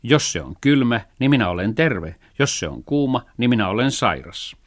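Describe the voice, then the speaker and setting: A man's voice: mid-range voice, very animated, close to an everyday voice. A man voicing an eager young male dog in a children's story reading, explaining things earnestly.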